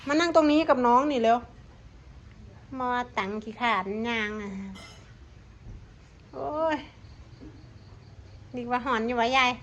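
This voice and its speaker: A woman's voice: fairly high pitch, slow, pauses often, a bit bright, dull audio, slight background noise. A woman with an Isan Thai accent, chatting casually and coaxing her pets in a sing-song voice. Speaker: pet vlogger.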